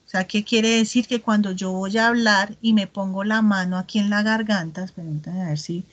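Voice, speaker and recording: A woman teaching an English class over a video call, explaining patiently and modeling English words slowly. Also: mid-range voice, fairly even intonation, dull audio.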